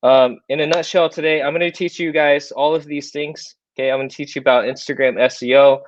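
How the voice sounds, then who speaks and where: A man's voice: on the high side, fairly even intonation, a little fast, highs cut off. A young man giving a casual webinar presentation in a chatty, upbeat way with plenty of fillers. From born in South Korea, raised in Iowa, USA. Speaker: guest presenter.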